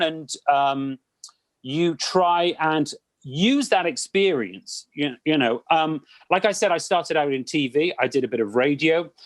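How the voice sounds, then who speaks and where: Male, slightly high voice, close dry recording; animated, anecdotal interviewee who acts out quotes. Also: no room sound. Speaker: cruise director interviewed about career. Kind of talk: conversational interview answers, anecdotal.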